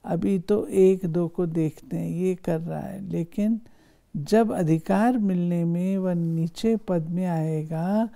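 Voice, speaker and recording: Woman, very mellow dark voice, steady instructive sermon reading, rhetorical questions. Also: fairly low pitch, takes it slowly, creaky. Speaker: reader of spiritual discourse. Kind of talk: reading a spiritual discourse aloud.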